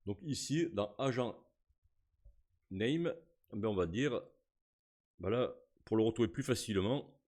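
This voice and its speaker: A man, casually talking through a software tutorial step by step, with frequent fillers as he clicks. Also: lowish voice, animated, unhurried, long pauses. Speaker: tutorial host. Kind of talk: screen-recorded software tutorial.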